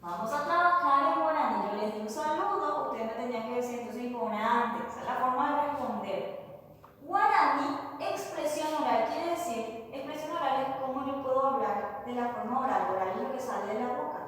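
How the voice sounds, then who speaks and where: A woman teaching a recorded lesson for children, repeating words slowly and clearly for her pupils. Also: high-pitched, a bit bright, a little hiss or hum. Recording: echoey room, mic far off.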